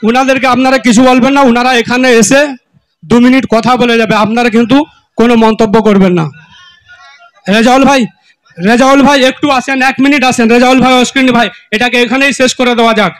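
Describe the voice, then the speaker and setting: A man, moderating a village gathering over a microphone, repeatedly and politely asking people to sit down and be quiet. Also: very high voice, fairly even intonation, brisk, clear, resonant tone. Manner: pleading, repetitive, polite appeals. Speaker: moderator calming the crowd. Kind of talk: crowd control over a microphone.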